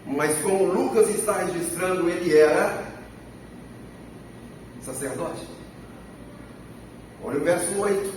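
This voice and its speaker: A man's voice: high-pitched, takes it slowly, long pauses, a little mellow. A man with a Brazilian Portuguese accent preaching a sermon, emphatic and repeating his phrases. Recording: echoey church from a distance, faint noise.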